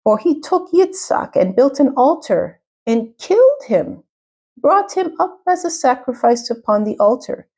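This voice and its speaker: A deceiving spirit in the guise of a humble old man , read aloud by a woman. The voice sits a little higher than her usual and presses its claims in an earnest, insistent way, like a figure in a storybook reading. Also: very animated, unhurried, darkish tone, slightly rough, exaggerated voice.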